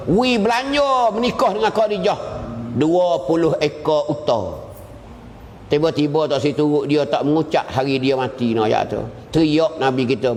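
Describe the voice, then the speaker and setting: A man giving an Islamic religious lecture, telling a story with sudden rises and drops in pitch and repeated phrases. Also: a little mellow. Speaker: religious teacher. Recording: long hall reverb.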